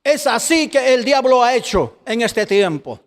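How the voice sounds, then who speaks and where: A man preaching a fiery sermon in a church hall, his voice very high and ringing. He speaks slowly, stretching his phrases and breaking into shouts. A long reverb from the hall hangs behind every word. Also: very animated. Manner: preaching with slow drawn-out phrases and sudden shouts.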